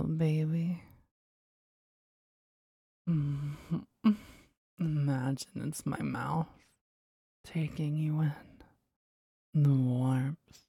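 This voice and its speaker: A woman whispers close and breathy, her low voice husky with gravelly fry. She takes her time over every word in a teasing, commanding way. The sound is intimate and dry. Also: dark tone, no room sound. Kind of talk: whispered intimate ASMR roleplay.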